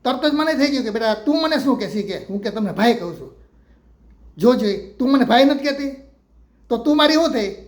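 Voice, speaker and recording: A man's voice: extremely high pitch, animated, fairly quick. An older man from Gujarat with a Gujarati accent, a retired teacher telling a true story from his classroom in a homely, affectionate way, acting out the children's lines. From Gujarat, India. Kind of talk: storytelling monologue.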